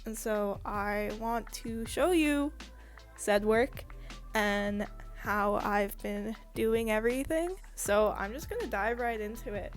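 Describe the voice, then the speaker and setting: A woman's voice: fairly high pitch, slow pace. Woman, casual vlog narrator, morning voice, rambling friendly delivery, faint music bed. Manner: chatty, rambling, with frequent fillers. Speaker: comic artist and YouTuber.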